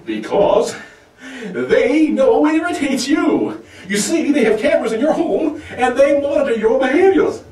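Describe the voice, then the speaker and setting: A man delivering a rambling comic rant, swinging wildly in pitch and loudness and laughing as he goes. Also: big pitch swings, measured pace. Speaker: comic monologue host. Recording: roomy echo, distant from mic.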